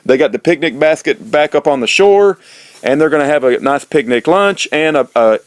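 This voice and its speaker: This recording is dry, with the man's voice a little high and lively in intonation at a normal speed. He's a middle-aged American host who does prisoner-support activism, addressing viewers in a loose, rambling way that sounds folksy and a bit like preaching, with phrases repeated.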